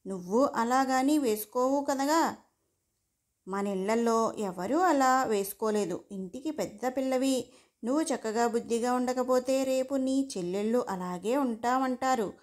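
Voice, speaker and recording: A stern old grandmother nags and lectures at a slow pace, as a woman narrator puts her on. The voice sits fairly high for a woman. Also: close to an everyday voice. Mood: scolding. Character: old grandmother, strict and scolding.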